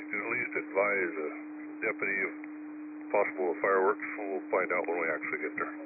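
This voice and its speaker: Man on a two-way radio, lowish voice, tinny narrow sound, thick static hiss, clipped dispatch talk. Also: fairly quick. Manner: terse, clipped radio procedure. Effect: two-way police/fire radio transmission. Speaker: fire crew officer on dispatch radio.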